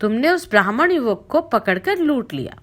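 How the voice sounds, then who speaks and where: Lively bright-voiced woman storyteller. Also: normal speed. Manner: expressive recitation, dips low for the sage's address. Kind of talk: reading a scripture story aloud.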